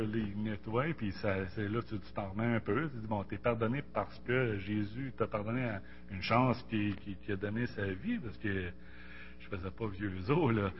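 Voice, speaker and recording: In muffled, lo-fi audio carrying a faint hum, a medium-pitched man in his 40s shares his personal experience of faith at a Bible study. His Québécois French accent comes through in loose, colloquial speech that stalls and repeats words often.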